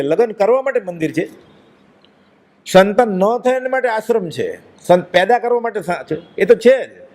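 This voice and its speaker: Man preaching a devotional talk, emphatic, lots of rhetorical questions, fairly high voice. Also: a little mellow. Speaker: religious speaker. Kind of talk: devotional discourse.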